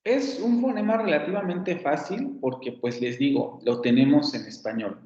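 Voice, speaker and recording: A man teaches an online phonetics class, circling back and repeating example words slowly. His voice sits a little high but sounds mellow. The audio is echoey and muffled, like a lo-fi online lecture. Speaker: university phonetics professor.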